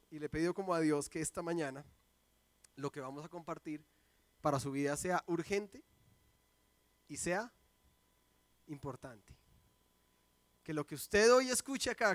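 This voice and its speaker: A man in his thirties, a pastor, preaching a sermon and telling family stories with lively, acted-out quotes. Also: high voice, dry recording. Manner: lively storytelling, acts out quoted voices. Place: church sanctuary.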